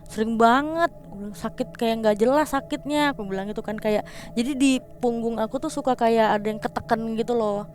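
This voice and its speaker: A young woman talking as a guest in a casual chat, telling her story in a lively way and acting out the people she quotes in changed voices, mixing slang with English words. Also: on the high side, fairly quick. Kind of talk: casual storytelling of a ghost experience.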